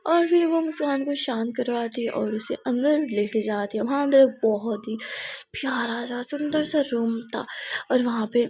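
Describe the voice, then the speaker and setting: High-voiced woman storyteller. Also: normal speed, darkish tone, breathy edge. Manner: casual, with hesitant fillers. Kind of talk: casual spoken storytelling.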